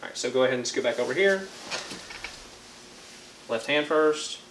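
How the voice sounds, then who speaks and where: A man's voice: mid-range voice, expressive, normal speed, a bit bright. Young man, brass teacher, patient, echoey room, faint background hiss. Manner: patient, checks understanding with frequent okays. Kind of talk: one-on-one music lesson.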